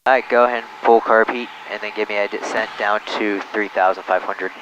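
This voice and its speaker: A man's voice: on the low side, fairly even intonation, brisk, highs cut off. A man working as a flight instructor, talking like a pilot in casual coaching and radio calls. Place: small aircraft cockpit. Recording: loud engine noise in small plane.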